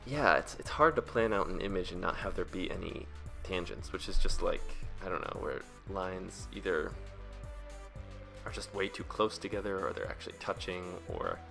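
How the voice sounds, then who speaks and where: A man giving a casual, rambling voice-over in a hesitant, self-deprecating way, with vocal fry at the ends of his phrases. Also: deep voice, normal speed, pushed and bright, soft background music. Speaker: webcomic artist and video creator.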